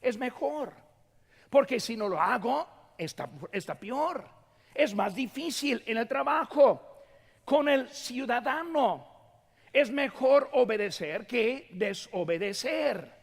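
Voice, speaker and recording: A man's voice: very high voice, lively intonation, slow, gravelly, long reverb tail. A middle-aged man preaching a sermon as pastor, emphatic and often speaking straight to the congregation. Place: church sanctuary.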